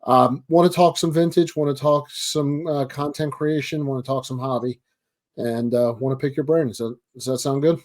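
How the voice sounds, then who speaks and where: Speaking from a home office hung with framed pictures, this host in his thirties runs a jokey, chatty interview over a webcam video call in a Baltimore accent, tripping over words now and then. His voice sits mid-range and is a little mellow, with fairly even intonation and a moderate pace.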